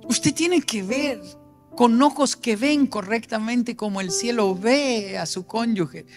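A man in his sixties preaching a sermon with passion, swinging between loud emphasis and near-whispered lines. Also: extremely high pitch, slow, faint music behind. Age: 60s.

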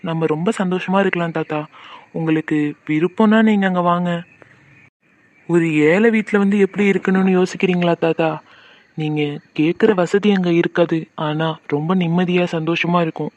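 A man's voice: high-pitched, brisk, a little mellow, close to an everyday voice. A man voicing a kind, humble young man in a cartoon, who speaks in an earnest, pleading way.

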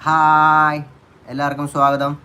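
A man's voice: fairly high pitch, monotone, unhurried, heavy background noise. A man hosting a casual home live stream, chatty and repetitive, greeting viewers and coaxing a child to speak.

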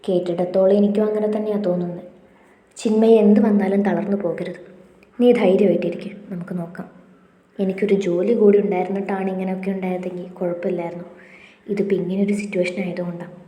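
A woman voicing a gentle young man who calmly reassures his girlfriend, speaking softly. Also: quick pace, natural voice. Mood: soft firm. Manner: soft, reassuring, low-key. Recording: echoey room with long reverb.

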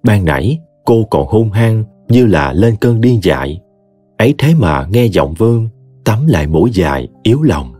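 A man narrating an audio story with an expressive, dramatic reading. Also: on the low side, normal speed, no room sound, soft background music.

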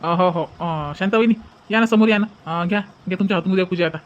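A man's voice: high-pitched, fast talker, highs cut off. A man voicing a humble, earnest village man in a cartoon. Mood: insistent.

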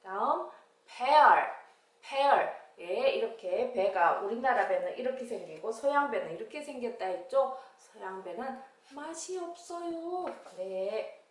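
A woman teacher leading an English lesson for young children, with a sing-song manner and big pitch jumps on the English words. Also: expressive, a little slow, echoey room, recorded from a distance.

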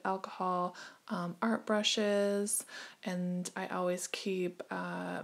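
A woman casually showing her nail supplies, talking in a relaxed way with lots of ums and uhs, recorded on a handheld phone in a small room at home. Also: mid-range voice, gravelly. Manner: relaxed, many fillers and hesitations. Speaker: nail artist giving a desk tour. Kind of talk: casual show-and-tell narration.

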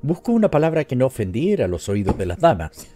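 A man with a Latin American Spanish accent narrating an audiobook story in a measured, even way. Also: medium pitch. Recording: soft music underneath.

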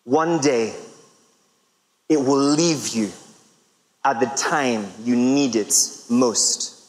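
A man in his thirties preaching a sermon to a large congregation, emphatic and full of rhetorical questions with drawn-out pauses. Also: medium pitch. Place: large church hall with congregation. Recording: long reverb of a big hall.

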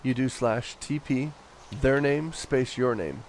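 Upbeat father on a headset call, directing a family game session with light jokes; mid-pitched, slight hiss behind. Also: a little mellow. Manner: upbeat and directing, quick to joke. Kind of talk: casual gaming chat.

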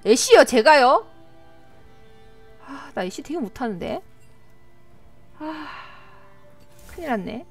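A young woman streaming a game live, chatting with viewers and her team in an excitable, talkative way. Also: sits high, takes it slowly, long pauses, faint music behind.

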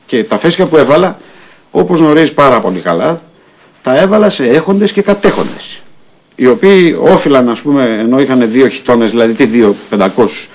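A man's voice: mid-range voice, expressive, a little mellow, close to an everyday voice. An actor playing a glib male playboy debtor who theatrically pretends to have found religion. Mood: humble prayer. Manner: glib, theatrical, mock-pious. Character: smooth-talking male playboy debtor feigning piety. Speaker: actor in a TV comedy series. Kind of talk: sitcom acting.

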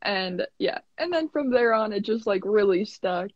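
A woman's voice: mid-range voice, expressive, normal speed, no echo, muffled recording. A young woman from South Dakota, a guest in a casual interview, answering in a shy, hesitant way.

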